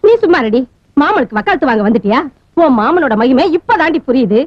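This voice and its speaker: A woman's voice: sits high, animated, fast, no room sound, highs cut off. An actress playing a middle-aged village mother, scolding and reproachful, in a film scene. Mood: bitter.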